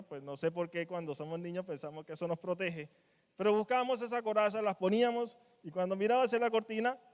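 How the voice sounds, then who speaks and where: A man preaching a sermon in a church, animated, acting out quoted cries and dropping to quiet asides. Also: high-pitched, smooth. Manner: animated, acts out quoted voices, strong swings in loudness. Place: church hall. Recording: long church reverb.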